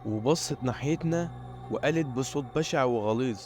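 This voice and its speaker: Man, Egyptian Arabic accent, horror story narrator, steady first-person telling, mid-pitched voice, soft music underneath. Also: fairly quick.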